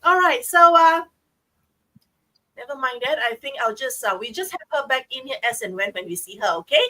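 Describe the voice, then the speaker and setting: A woman's voice: high voice, animated, moderate pace, pushed and bright, low-quality recording. A middle-aged woman from Singapore with a Singaporean English accent, hosting a live-streamed chat on a video call in a bubbly, upbeat way. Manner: upbeat, bubbly hosting with frequent checks like okay and right. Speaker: livestream host.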